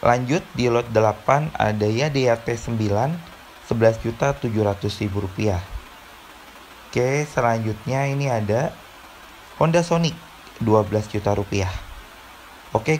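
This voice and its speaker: A man's voice: medium pitch, moderate pace, long pauses, a little mellow, a little hiss or hum, poor audio. A man giving a scripted, methodical vehicle inspection narration as an auction presenter. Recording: music playing behind the voice. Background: music.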